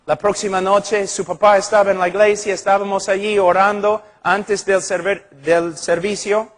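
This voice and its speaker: A middle-aged man preaching an impassioned sermon as a pastor, earnest and emphatic as he tells a story. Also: high voice.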